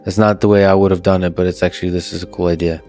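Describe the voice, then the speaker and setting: A man with a very low, deep voice interviews a guest in a relaxed way. He stumbles and repeats words as he forms his questions. Faint music runs quietly behind him. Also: rapid-fire.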